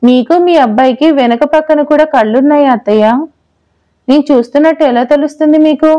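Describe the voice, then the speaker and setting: A woman's voice: high-pitched, fast, mellow, lo-fi sound, natural voice. A woman voicing a playful, teasing young wife in an audio story. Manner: teasing, pouty. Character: playful pregnant young wife, mock-sulky.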